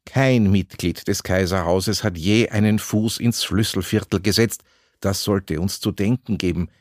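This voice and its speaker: A man's voice: sits low, a little slow, no echo, studio quality. A man reading a story, voicing a pedantic older male historian who lectures disapprovingly.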